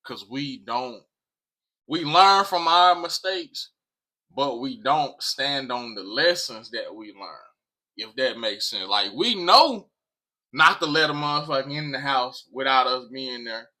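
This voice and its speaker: Forceful, sharp-voiced American man. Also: medium pitch, animated, measured pace. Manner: emphatic, repeats phrases, swears freely. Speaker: vlog host. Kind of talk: casual monologue to viewers.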